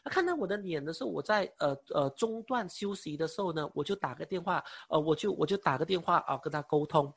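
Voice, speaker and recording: A young man preaching and giving a personal testimony, halting with many fillers, speaking with emotion. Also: on the high side, expressive, creaky, breathy edge. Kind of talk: sermon testimony.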